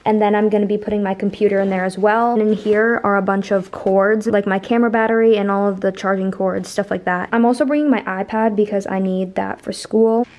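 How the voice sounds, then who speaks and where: A woman's voice: medium pitch, steady tone, a little fast, hardly any pauses, a little mellow, dull audio. A young woman chatting casually to her handheld camera as she vlogs, explaining things with lots of "like". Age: young adult. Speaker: vlogger. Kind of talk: casual vlog narration. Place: busy airport terminal. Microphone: handheld camera at arm's length.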